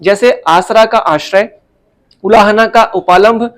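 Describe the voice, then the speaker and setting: A man's voice: sits high, slow, fairly bright tone. A man who teaches Hindi and walks through exam answers step by step, with many tag questions and fillers. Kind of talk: casual exam answer walkthrough.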